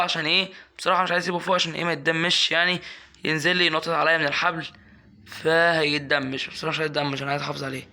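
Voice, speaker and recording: Fast, bright-voiced Egyptian gamer. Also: male voice, on the high side. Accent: Egyptian Arabic. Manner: chatty, coaxing and scolding his in-game pet, flaring into excited yelps. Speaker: gaming YouTuber. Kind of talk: casual gameplay commentary.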